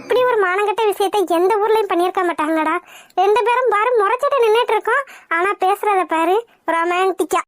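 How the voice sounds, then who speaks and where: A bossy young village woman scolds in a cartoon, as a woman voices her. Her voice sits very high and bright, and she rattles off quick retorts at a brisk pace in a dry, close sound. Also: dry recording, faint music behind. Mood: exasperated. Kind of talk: cartoon voice acting.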